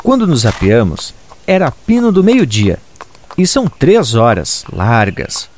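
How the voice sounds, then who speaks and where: Brief: male folk storyteller, animated, mid-pitched. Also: unhurried, a little hiss or hum. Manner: expressive, rhythmic storytelling. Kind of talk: regional folk tale narration.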